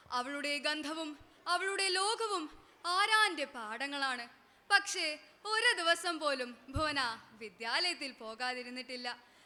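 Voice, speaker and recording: A woman tells a story on a school stage in the kathaprasangam style, declaiming dramatically and slipping into melodic sung verses. Her voice is high and very bright, and her delivery is slow and deliberate. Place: school stage at an annual day event.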